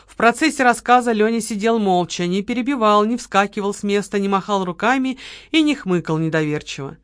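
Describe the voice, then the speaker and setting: A woman narrating an audiobook in a measured, even storytelling manner. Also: mid-range voice, no room sound, clean studio sound. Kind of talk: scripted narration.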